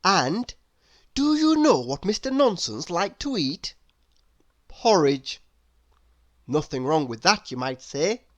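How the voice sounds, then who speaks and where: Here a woman narrates a children's story with big swings in pitch from a lowish voice, moving slowly and pausing often. She reads expressively and puts questions to whoever is listening.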